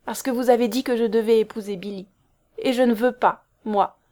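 A woman's voice: medium pitch, a little slow, darkish tone. Casting: a reader doing a naive young woman in a storybook, tearful, hesitant, pleading. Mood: sobbing.

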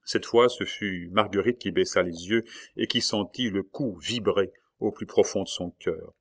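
A man narrating a classic novel aloud in a measured, literary way. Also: low voice. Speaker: audiobook narrator.

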